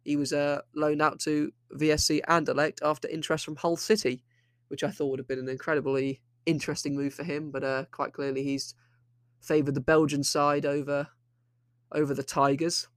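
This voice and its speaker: A man's voice: on the high side, level tone, moderate pace, a bit bright, clear, resonant tone, dry recording, studio quality. A young man hosting a solo football podcast, opinionated and rambling, often restarting his sentences. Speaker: podcast host.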